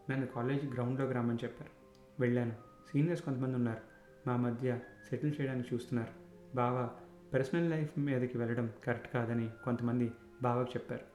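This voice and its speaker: A man's voice: medium pitch, darkish tone. A man in his thirties narrating a personal story in a reflective, conversational way. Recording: roomy echo with faint music.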